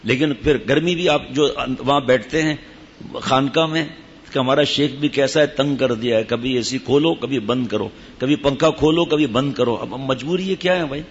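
A man's voice: mid-range voice, a little hiss or hum. Man giving an informal religious talk in an echoey hall. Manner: conversational, breaks off to give asides to listeners. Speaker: sheikh teaching disciples. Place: gathering in a Sufi lodge. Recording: dull, echoey hall recording.

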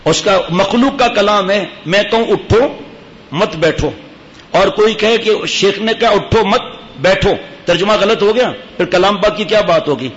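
A man's voice: high-pitched, few pauses, fairly bright tone. A middle-aged man preaching a Friday sermon as imam, scolding the congregation with rhetorical questions. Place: mosque. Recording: dull lo-fi sound with faint hiss.

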